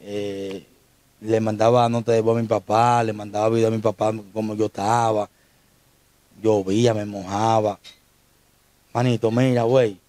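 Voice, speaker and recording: A man's voice: on the low side, level tone, moderate pace, long pauses, mellow, no echo. Slangy Dominican man telling his story. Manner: slangy, repeats street address terms. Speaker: interview guest. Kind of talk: emotional personal storytelling.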